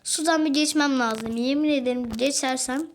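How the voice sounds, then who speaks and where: High-voiced woman, excitable gaming commentary. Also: moderate pace, slight background noise, poor audio. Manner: excitable, exasperated outbursts and repeated words. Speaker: gaming channel host. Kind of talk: casual game commentary.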